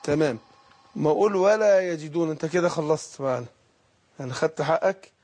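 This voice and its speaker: A middle-aged man with an Egyptian accent teaching Quran recitation on a call-in lesson, patiently explaining and drawing out the recited words slowly. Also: a little high, darkish tone, husky. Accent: Egyptian Arabic.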